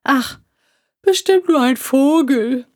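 A woman voicing a curious, spirited young female cat in a children's story, speaking in a lively way. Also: high voice, slow, pitched above the performer's own voice. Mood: dismissive.

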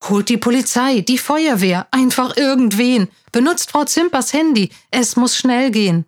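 A woman's voice: medium pitch, fairly even intonation, a little fast, lightly acted. A woman reading a children's story aloud and voicing a young boy who is stuck in a bog and calls out urgently for help. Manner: urgent calling out. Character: boy stuck in a bog, frightened but brave.

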